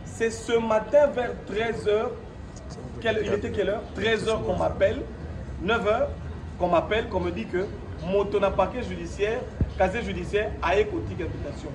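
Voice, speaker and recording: A man from the Democratic Republic of the Congo, Congolese-accented and high-pitched, speaks at a moderate pace during his own press conference. His statement, partly improvised and mixing French with Lingala, is defiant and emphatic, with repeated lines and rhetorical questions. The recording, made in an echoey room at his premises, is roomy, distant-miked and noisy.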